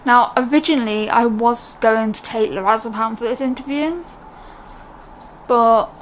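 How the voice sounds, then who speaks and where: This young British woman vlogs to camera, unscripted and casual, rambling candidly and breaking off mid-sentence a lot. She has a fairly high voice and an unhurried pace. The audio is poor, carrying a little hiss or hum.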